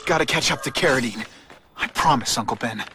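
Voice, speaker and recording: An American man playing a guilt-ridden, determined young superhero in a dramatic video game, with a slightly rough edge to his voice. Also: mid-range voice, fairly quick, very noisy, close to an everyday voice. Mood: tense, brooding. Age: young adult.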